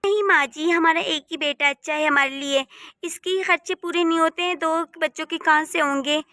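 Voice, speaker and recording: A woman's voice: very high-pitched, fairly even intonation, moderate pace, sharp tone, no room sound, studio quality. A woman voicing a young daughter-in-law in a cartoon who answers politely but firmly.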